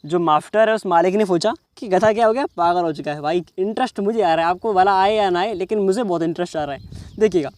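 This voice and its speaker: In this English reading lesson, a man's high, slightly mellow voice comes through with no room sound. He says each word slowly, gives its meaning in Hindi, and repeatedly asks "समझ रहे हो" to make sure he's understood.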